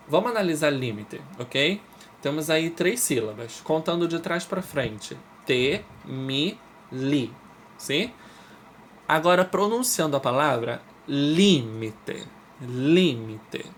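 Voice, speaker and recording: Male language teacher, native Portuguese speaker, unhurried and methodical, stresses example words, asks "ok?" often, faint hiss behind. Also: mid-range voice, a bit bright. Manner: explains step by step, checks in with "ok?" after each point. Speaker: Spanish teacher. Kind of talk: recorded review lesson for schoolchildren.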